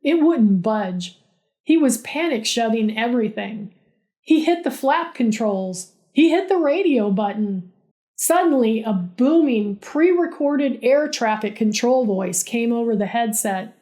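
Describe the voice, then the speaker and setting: A woman's voice: on the high side, animated, measured pace, warm tone. Sarcastic woman telling a story. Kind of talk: scripted story narration.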